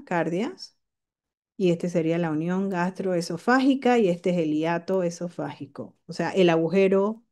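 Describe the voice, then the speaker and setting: A woman's voice: fairly low pitch, darkish tone. A woman lecturing on medical imaging, walking students through scans and checking in with frequent questions. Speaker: radiology teacher.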